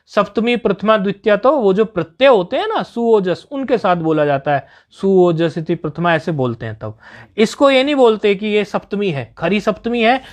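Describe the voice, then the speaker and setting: A man teaching Sanskrit grammar in a patient lesson, repeating each point and checking that students follow. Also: high voice.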